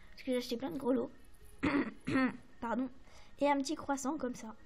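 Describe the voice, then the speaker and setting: High-voiced French woman chatting about crafts. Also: steady tone, normal speed, gravelly. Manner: chatty, hesitant, many fillers and apologies. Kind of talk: casual show-and-tell to camera.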